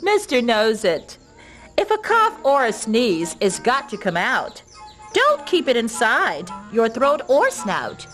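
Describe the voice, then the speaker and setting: Woman voicing a high, lilting, old-fashioned manners lady for a kids' show, genteel, gives rhymed advice. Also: wildly swooping pitch, takes it slowly, fairly bright tone, soft background music, exaggerated voice. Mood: instructive. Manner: genteel, sing-song, speaks advice in rhymes, calls others dearie. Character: prim, sweet older-fashioned lady manners expert. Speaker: manners advisor host. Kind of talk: children's show character acting.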